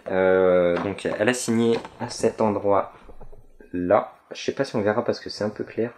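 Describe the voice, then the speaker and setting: A man's voice: fairly low pitch, steady tone, moderate pace, darkish tone. A young man talking casually to camera in a vlog, hesitant and restarting his sentences. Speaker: YouTuber.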